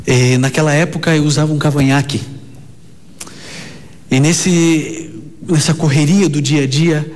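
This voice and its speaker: A middle-aged man with a Brazilian Portuguese accent, preaching a sermon as a pastor and telling stories dramatically, slowing down for emphasis. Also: a little high, big-room sound. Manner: dramatic storyteller, slows for emphasis, lively in anecdotes. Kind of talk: sermon storytelling. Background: music under the voice.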